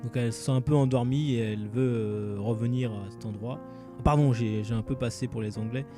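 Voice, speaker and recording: A man's voice: mid-range voice, steady tone, fairly quick. A man giving casual let's-play commentary at home at night, rambling and joking about himself, with many fillers and restarts. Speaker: gamer playing through a game. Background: faint background music.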